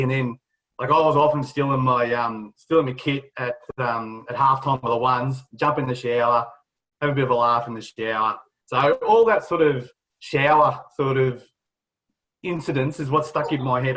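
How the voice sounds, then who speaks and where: A man's voice: mid-range voice, a bit bright, poor audio. A man, a former footballer, casually telling old club anecdotes with a laugh in his voice. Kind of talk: casual storytelling.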